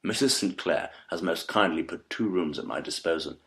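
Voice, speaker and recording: An actor playing a keen, analytical detective in a dramatised audiobook, speaking articulately and emphatically in formal period diction. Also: male voice, low voice, moderate pace, a bit bright. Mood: calm, confiding. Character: Sherlock Holmes, keen analytical male detective recounting a case.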